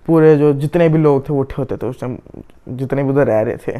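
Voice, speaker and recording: A man from Pakistan co-hosting a casual podcast, telling stories in a lively way and asking his host questions. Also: medium pitch, dull audio. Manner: animated storyteller, asks many questions. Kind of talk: casual chat.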